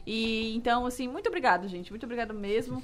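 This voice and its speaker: A woman's voice: a little high, fast. A woman co-hosting a radio talk show, speaking in a friendly, grateful way and laughing often.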